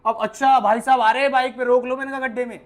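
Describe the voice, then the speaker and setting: High-voiced man teaching a class. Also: little pitch movement, fast. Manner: asks the class questions and repeats points; mixes in English terms. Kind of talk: classroom lecture.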